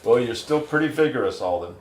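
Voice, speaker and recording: A man's voice: mid-range voice, animated, a little fast. A man helping run an interview, speaking in a courteous, considerate, conversational way. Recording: distant, echoey room with faint noise.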